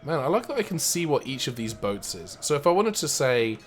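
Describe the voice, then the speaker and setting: A man's voice: mid-range voice, big pitch swings, fairly quick, soft background music. Joking man playing a video game. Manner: joking, playful, laughs often. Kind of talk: casual gameplay chat.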